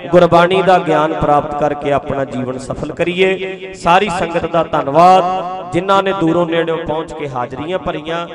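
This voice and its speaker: A man preaching from a stage in a fairly high voice, earnest and pleading as he repeats his points to the congregation. He speaks into a stage microphone. A large crowd is heard clearly around him. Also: normal speed. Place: outdoor religious gathering stage. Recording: crowd noise from a large gathering.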